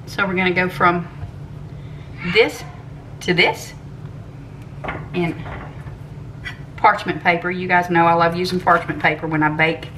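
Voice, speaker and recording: An older woman with a gentle drawl talks her viewers through a home recipe, easygoing and full of little fillers. Her voice sits on the low side, picked up by a camera mic some way across the kitchen with a clear layer of background noise. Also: fairly even intonation, a little slow, long pauses, distant mic, low-quality recording. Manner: homey, chatty, with soft laughs and fillers. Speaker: home cooking channel host. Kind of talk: casual cooking demonstration.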